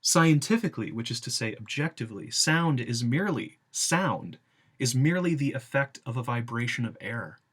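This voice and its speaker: A man giving an academic philosophy lecture in deliberate, emphatic phrases broken into short segments. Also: mid-range voice, sing-song, fairly bright tone, husky.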